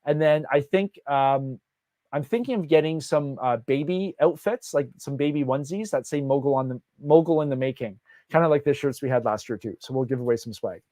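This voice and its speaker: A man's voice: medium pitch, brisk, warm tone, dry recording, studio quality. A man hosting a casual live question-and-answer session as a conference organizer, talking loosely with many fillers and restarts.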